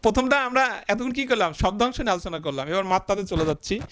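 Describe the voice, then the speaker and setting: A male teacher giving a blackboard grammar lesson, asking the class questions, answering them himself and drawing syllables out slowly as he writes. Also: high-pitched, a bit bright, dry recording. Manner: stretches out syllables slowly while writing.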